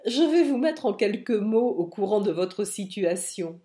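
A woman voicing an irascible, domineering old man who speaks loudly, shouting and sarcastic. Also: mid-range voice, unhurried, lightly acted. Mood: scornful, furious.

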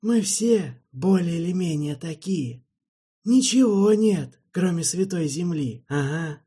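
A man reading an audiobook, voicing a blunt, mocking soldier who speaks with rough tenderness. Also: high voice, animated, takes it slowly, warm tone, pitched above the performer's own voice, heavily acted. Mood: smirking. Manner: smirking and blunt. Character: gruff, mocking soldier friend, tough and blunt.

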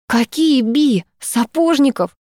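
A woman reading an audiobook, voicing a furious, scornful young woman who lashes out in raised, sharp outbursts. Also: high-pitched, lively intonation, slow, dry recording, studio quality, pitched above the performer's own voice.

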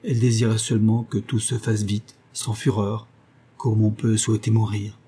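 A man narrating a literary novel in a measured, even reading. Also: fairly low pitch, breathy edge. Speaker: audiobook narrator.

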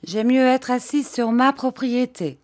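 A woman's voice: on the high side, unhurried, a little mellow, pitched above the performer's own voice, close to an everyday voice. A woman reading an audiobook voices a brusque, commanding elderly aunt in clipped, imperious tones.

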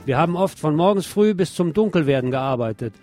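Reading a scripted radio commentary as host, a man speaks fairly quickly in an expressive, fairly high voice. His delivery is emphatic and indignant, and a music bed runs under his words.

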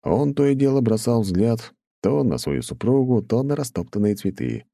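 A man narrating an audiobook in a lively, expressive storytelling manner. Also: medium pitch, moderate pace, gravelly, dry recording, studio quality.

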